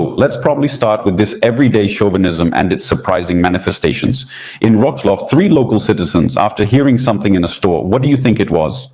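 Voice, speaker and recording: A political commentator who hosts his own channel delivers a scripted monologue in a sarcastic, indignant tone. His voice is on the low side and darkish, and Russian is his first language.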